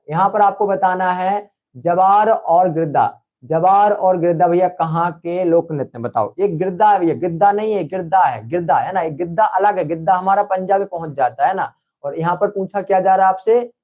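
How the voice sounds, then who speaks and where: A man's voice: high voice, darkish tone. A young man teaching a live online quiz class, coaxing students with repeated questions and calling them brother. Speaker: online exam-prep teacher.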